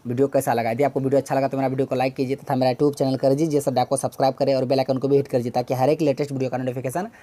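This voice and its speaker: A woman's voice: rumbling low, little pitch movement, very fast, few pauses, dark tone. A woman teaching an exam-prep English lesson, explaining patiently, repeating key words and answering her own questions.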